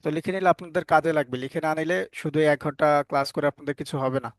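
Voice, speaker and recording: A man leads a live online English class, teaching letter sounds. His voice sits a little high, and the sound is dry and close to the mic. He keeps quizzing the students and turns firm when they misbehave. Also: very fast, no room sound. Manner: repeats questions to students, firm and scolding at times.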